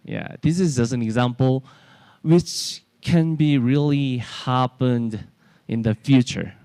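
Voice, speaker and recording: A man from South Korea lectures at a conference workshop in Korean-accented English, stopping often to restart his sentences. He speaks slowly and deliberately. His voice is smooth and clear, recorded dry and close with little room sound. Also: medium pitch, a little mellow, no echo. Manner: halting, many fillers and restarts. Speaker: workshop presenter. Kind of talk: technical lecture.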